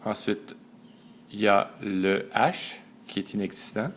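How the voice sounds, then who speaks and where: A man, slowly and methodically teaching a writing system letter by letter. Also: on the low side, a little hiss or hum. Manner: slow and methodical, spelling out letters one by one. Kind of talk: step-by-step lesson.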